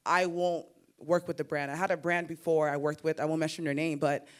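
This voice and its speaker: On stage at a summit panel, a young woman creator talks briskly in a deep voice. Her accent mixes Nigerian and American, and her delivery is animated and expressive, punctuated by laughs and repeated words.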